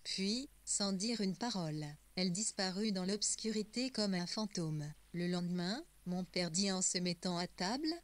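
A woman narrates a classic novel in the first person. Her reading is measured and even, a steady audiobook delivery. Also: mid-range voice.

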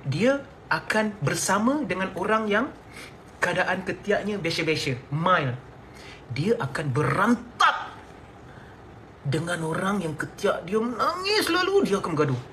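A man's voice: sits high, very animated, unhurried, a bit bright, slight background noise. A man from Malaysia with a Malaysian Malay accent, chatting in a playful, exaggerated comic way and laughing often as he promotes a product. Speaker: celebrity endorser. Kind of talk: comedic sponsored chat.

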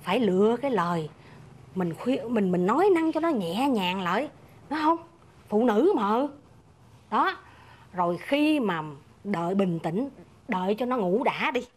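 A woman's voice: mid-range voice, animated, measured pace, slightly rough. An actress playing a middle-aged village neighbor with a Southern Vietnamese accent, motherly and lecturing. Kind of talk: rural comedy film acting.

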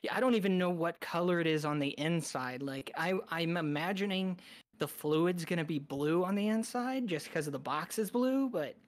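A woman chatting casually on a podcast, relaxed and hesitant, with many fillers. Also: fairly low pitch, normal speed. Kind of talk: casual chat.

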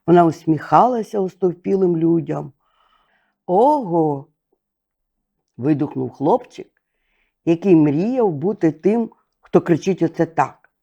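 An older woman reading a fairy tale aloud as a bedtime storyteller, slow, gentle and expressive. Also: lowish voice, vocal fry, lo-fi sound.

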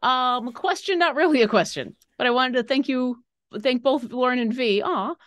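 A woman's voice: high-pitched, normal speed, a bit bright, dry recording, clean studio sound. A woman co-hosting and learning on a painting live stream, bubbly and thinking aloud as she chats. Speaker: co-host and painting student. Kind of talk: casual live stream chat.

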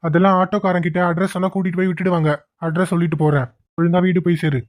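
A woman's voice: lowish voice, little pitch movement, rapid-fire, darkish tone, natural voice. A woman voicing an impatient young man in a cartoon, speaking in a curt, irritated way. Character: young man, impatient with cousin, doting on girlfriend.

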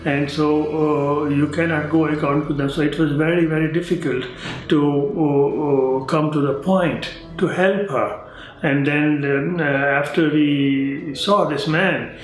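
A man in his sixties, a physician, giving a measured testimonial with hesitations in a small clinic room. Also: on the high side. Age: 60s. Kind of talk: interview testimonial. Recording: echoey room.

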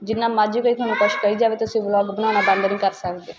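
Woman roasting vloggers, rapid lecturing, kinda dull lo-fi sound. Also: mid-range voice, little pitch movement, very noisy. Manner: scolding, lecturing, rapid-fire. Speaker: roast channel host. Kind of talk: roast video commentary.

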